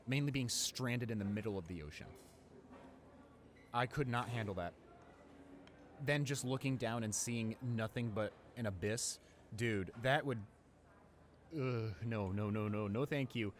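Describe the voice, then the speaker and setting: A man voices a talkative, friendly but awkward high schooler in a casual roleplay, sounding uneasy and rambling. He speaks hesitantly and informally, with a little hiss or hum in the background.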